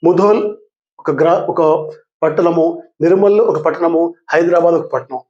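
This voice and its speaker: Older man, high voice, grammar teacher, patient, repetitive, slow deliberate definitions. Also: steady tone, dark tone, dull audio. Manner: patient, repeats terms and asks the class questions, calls students dear; reads English definitions very slowly and deliberately. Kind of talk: grammar lesson.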